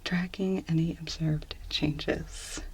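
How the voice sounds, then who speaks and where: A woman in a whispered role-play, speaking as a gentle clinic examiner in a soft, reassuring, step-by-step manner. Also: low-pitched, steady tone, slow pace, vocal fry, rough recording. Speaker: ASMR performer playing a clinician.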